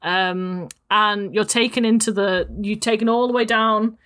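Bright-voiced woman running a tabletop game. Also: medium pitch, fairly even intonation, measured pace. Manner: rambling, with frequent fillers and restarts. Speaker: game master.

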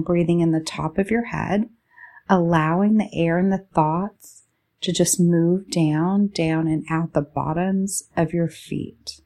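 A woman leads a meditation in a fairly low, dark, soft voice with a gravelly, fried edge. She goes very slowly and soothingly, offering short, drawn-out phrases one small piece at a time.

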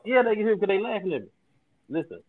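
A man's voice: high-pitched, sing-song, fast talker, a loud crowd. A man calling in as a guest in casual, laid-back chat, his voice muffled as if heard through a wall. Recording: muffled, thin, distant headset audio.

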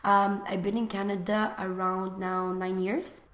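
A young Lithuanian woman, interviewed as a guest, chats casually about her small business, relaxed and full of fillers. Her voice is medium-pitched and unhurried. The room sounds echoey.

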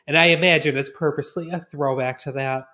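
A man's voice: on the high side, steady tone, fast, bright, forceful tone. A man hosting a podcast, chatting casually about tabletop fantasy gaming. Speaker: podcast host.

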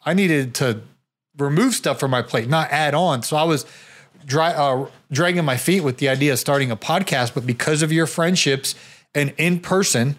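A man's voice: fairly high pitch, moderate pace, a bit bright. A male podcast host telling anecdotes in casual, informal conversation.

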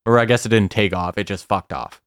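A man co-hosting a casual podcast, telling a story with laughs, a bit of swearing and slow pauses for suspense. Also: on the low side, steady tone, clean tone, dry recording, studio quality. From Canada. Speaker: podcast host.

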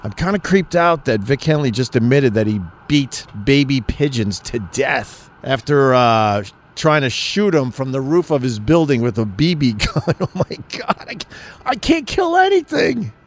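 A man's voice: medium pitch, very animated, moderate pace, hardly any pauses. A man hosting a casual, playful podcast chat outdoors in a city backyard. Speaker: podcast host. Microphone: own podcast microphone.

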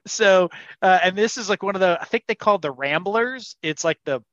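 A man's voice: high voice, animated, moderate pace, fairly bright tone, no echo. A man co-hosting a casual chat, rambling with many restarts. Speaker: podcast co-host. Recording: dull lo-fi sound.

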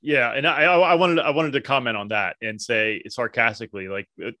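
A man's voice: medium pitch, steady tone, brisk, sharp tone, dry recording. A man co-hosting a podcast, thoughtful and asking questions in casual chat.

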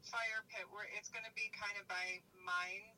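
A woman's voice: medium pitch, fairly even intonation, moderate pace, bright, forceful tone, slight background noise, low-quality recording. A woman calling in over a phone on speakerphone, chatting casually and practically about plans. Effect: heard over a phone on speakerphone. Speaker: caller. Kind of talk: casual chat.

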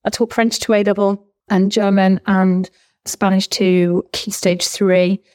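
An Englishwoman in her forties who used to teach languages chats enthusiastically as a guest in a casual interview, laughing often. Her voice is medium-pitched, level, measured in pace and a little mellow.

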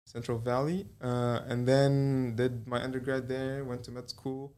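A young man from Egypt speaks as a pediatrician guest in a conversational interview. His voice stays level and flat in pitch. He hesitates often, restarting sentences with fillers. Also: unhurried, clean tone.

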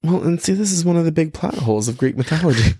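A man's voice: a little high, lively intonation, quick pace, warm tone, breathy edge, dry recording, studio quality. A man co-hosting a casual podcast chat, laughing often, rambling and swearing freely. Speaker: podcast co-host.

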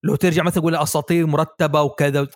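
Fast-talking male podcast host. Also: fairly high pitch, no room sound, clean studio sound. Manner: lively, explains and asks the guests. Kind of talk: casual podcast discussion.

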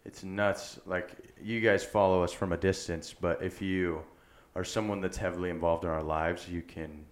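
A man's voice: low voice, fairly even intonation, normal speed. A young man co-hosting a podcast, talking in an earnest, rambling way full of "like" fillers. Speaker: podcast co-host. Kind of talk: casual chat.

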